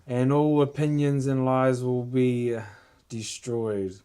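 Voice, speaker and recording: A man's voice: mid-range voice, level tone, slow pace, mellow, clean tone. A man chatting casually on a podcast in a laid-back, reflective way.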